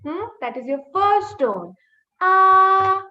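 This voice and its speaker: A woman's voice: sits high, animated, unhurried, soft background music. A woman teaching a beginners' online language class, explaining step by step and drawing out sample syllables to demonstrate. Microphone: computer mic on a video call. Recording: dull, echoey webinar audio.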